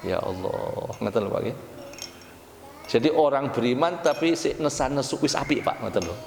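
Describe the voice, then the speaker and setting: A man with a Javanese accent preaching a sermon, asking the congregation questions and stretching out Arabic phrases slowly. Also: medium pitch, animated, a little mellow, a little hiss or hum. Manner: call-and-response questions to the congregation; drawn-out slow Arabic phrases. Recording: echoey hall.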